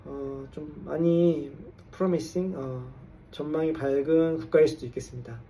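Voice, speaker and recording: His voice is a little high and dark, steady in tone and at normal speed, picked up by a distant mic in a low-quality recording. The speaker is a South Korean man in his forties who is tipsy after drinks, giving a casual vlog monologue to camera as the construction engineer and English coach behind a channel, with English jargon mixed in.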